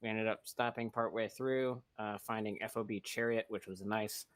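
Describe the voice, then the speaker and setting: A man giving a recon report over voice chat, halting with many fillers. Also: fairly low pitch, steady tone, no room sound. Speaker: recon squad leader.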